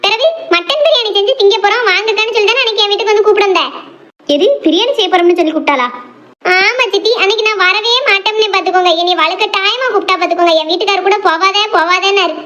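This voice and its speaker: A sharp-tongued middle-aged village mother from a homemade cartoon, played by a woman. Her voice sits extremely high and piercing. She rattles off complaints at a quick clip. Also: lo-fi sound. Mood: complaining. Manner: rapid, chattering, scolding. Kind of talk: cartoon voice acting.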